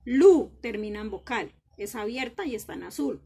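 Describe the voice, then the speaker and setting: With a breathy edge to her animated, fairly high voice, a woman teaches kids a language, showering them with warm praise. She lengthens words slowly to show where the stress falls.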